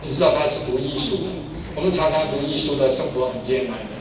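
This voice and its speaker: An older man preaching as a pastor, an animated storyteller who swings from loud exclamations to soft asides. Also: mid-range voice, fast talker, a crowd in the background. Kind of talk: sermon with personal stories. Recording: echoey hall, far from the mic, noisy.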